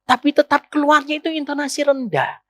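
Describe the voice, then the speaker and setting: A man's voice: extremely high pitch, fairly quick, no echo. A man preaching an Islamic sermon to women, often putting rhetorical questions to his listeners.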